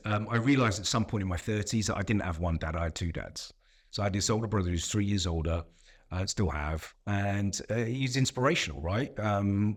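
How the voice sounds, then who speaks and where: Middle-aged guy on a podcast, kinda low voice, chatty and reflective. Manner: reflective, storytelling. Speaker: podcast guest, coach. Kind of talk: casual interview conversation.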